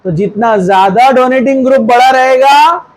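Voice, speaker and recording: A man's voice: extremely high pitch, moderate pace, low-quality recording. A man teaching a chemistry class in a classroom, quizzing students repeated questions and coaxing them toward the answers. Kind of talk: classroom lecture.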